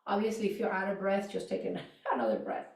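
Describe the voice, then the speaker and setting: A woman instructor leads a gentle yoga and mindfulness class, giving calm, unhurried cues for movement and breath. Her voice sits at an ordinary middle pitch and tends to fade softly at the ends of lines. She is heard from some distance in a roomy, echoing studio. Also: creaky. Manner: calm, gentle cueing with soft trailing endings. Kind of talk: guided movement and voice exercise class. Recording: echoey room, voice off-mic.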